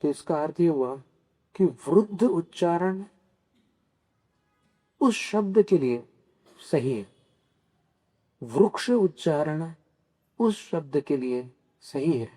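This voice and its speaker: A man giving a scripture sermon as a monk, teaching slowly, asking his listeners questions and carefully spelling out how words are pronounced. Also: on the high side, lively intonation, warm tone. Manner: slow, teaching, poses questions to listeners and answers them. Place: Kolhapur.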